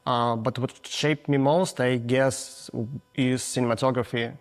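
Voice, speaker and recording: Giving casual answers in an interview, a photographer in his 40s speaks in a steady, mid-range voice. His English is non-native, frank and halting, Russian-accented, and full of restarts.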